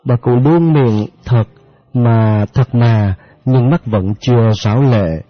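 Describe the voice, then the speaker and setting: A man narrating an audiobook in a steady, measured way. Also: medium pitch, no echo. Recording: dry, dull lo-fi audio with faint music.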